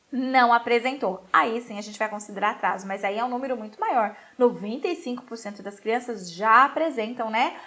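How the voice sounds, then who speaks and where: A woman with a Brazilian Portuguese accent lectures in a clear, didactic way, her voice sitting noticeably high. She often checks in with her listeners through quick tag questions and leans on the points she wants to stress. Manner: didactic, frequent tag questions, lively emphasis. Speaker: lecturer in maternal mental health. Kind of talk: explanatory lecture on infant development.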